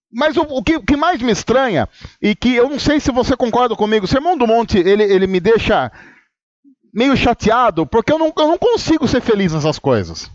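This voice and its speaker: Lively high-voiced Brazilian pastor preaching. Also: male voice, no room sound, dull audio. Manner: humorous, conversational, acts out inner dialogue. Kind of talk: sermon.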